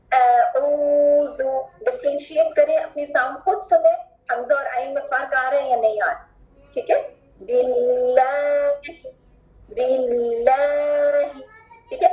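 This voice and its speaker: High-voiced woman teaching recitation, echoey. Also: narrow, tinny audio. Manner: instructive, repeats words slowly drawn out as examples; firm, asks students to pay attention. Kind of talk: online class instruction.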